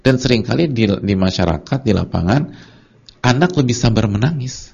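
A man giving a casual, colloquial religious lecture, telling lively stories and acting out short dialogues. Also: medium pitch, normal speed, creaky, breathy edge. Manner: colloquial and conversational. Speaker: Islamic preacher. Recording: dull lo-fi lecture recording.

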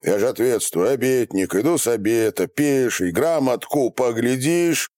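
A man voicing a calm, plain-spoken Cossack who answers without boasting in an audiobook. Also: mid-range voice, moderate pace, no echo, clean studio sound, pitched above the performer's own voice, lightly acted. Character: calm middle-aged Cossack, steady and unboastful. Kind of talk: audiobook character reading.

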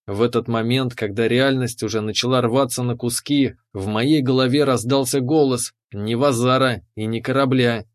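A man's voice: medium pitch, fairly even intonation, moderate pace, few pauses. A man narrating a first-person space adventure audiobook in a tense, dramatic way.

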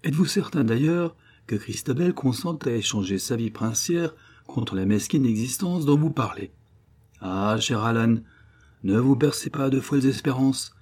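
A man voicing a refined young noblewoman who gently teases her brother, in a storybook reading. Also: medium pitch, lively intonation, moderate pace, slightly rough, pitched above the performer's own voice. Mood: teasing. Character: young noblewoman, teasing and lively.

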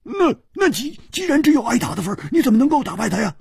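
A man's voice: sits low, unhurried, darkish tone, slightly rough, dry recording, studio quality, voice pushed down, full character voice. A male storyteller voicing a brash, hot-tempered young swordsman who blusters. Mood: exasperated. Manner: blustering, exclamatory.

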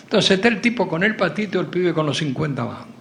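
A man with an Argentine accent tells crude jokes in a lively, animated way and slips into each character as he goes. His voice sits high for a man. Faint noise runs behind him. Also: fast talker, vocal fry. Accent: Argentine Spanish. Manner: animated storyteller, acts out the characters. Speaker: joke teller.

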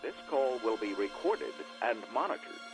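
A recorded male voice reading an automated collect-call announcement over a phone line, in a flat, measured, impersonal way. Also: mid-range voice, soft background music. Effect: automated collect-call message over a phone line.

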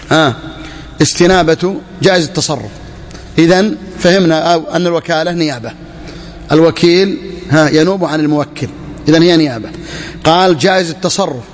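Male religious teacher, raised pitch, slow when reading the text, reverberant hall. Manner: repeats key phrases, asks and answers his own questions; slows down when quoting the text. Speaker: sheikh teaching Islamic jurisprudence. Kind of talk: classroom lecture explaining a text.

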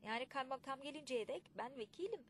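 A woman's voice: high voice, expressive, quick pace, a bit bright, voice pushed up. A woman voicing an eager male deputy official in an audiobook, insistently reassuring and repeating himself.

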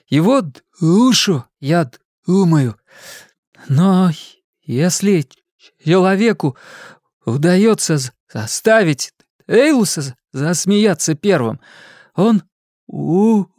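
A solemn, stammering boy in an audiobook who trips over his opening sounds and pushes on anyway. His voice sits higher than the narration around him, voiced by the reader. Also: darkish tone, dry recording, clean studio sound. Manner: heavy stutter on first sounds. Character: stammering boy, earnest and serious.

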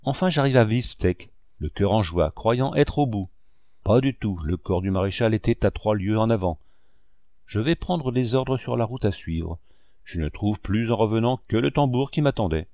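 A man narrating a first-person memoir as an audiobook, in measured storytelling. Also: fairly low pitch, expressive, dark tone, dry recording.

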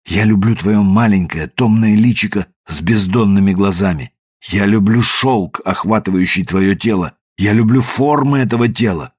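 A man reading the lines of a tormented, obsessed lover in a novel, with a husky, low voice. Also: moderate pace. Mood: pleading.

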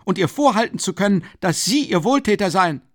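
A man's voice: medium pitch, sing-song, unhurried, breathy edge, pitched above the performer's own voice, heavily acted. A man doing a feverish, furious young man. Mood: scornful. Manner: trembling with rage, biting.

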